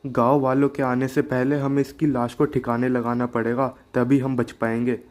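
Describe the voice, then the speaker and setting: A man voicing a panicky young village man in a cartoon, nervous and hurried. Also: mid-range voice, little pitch movement, darkish tone, lightly acted. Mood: panicked.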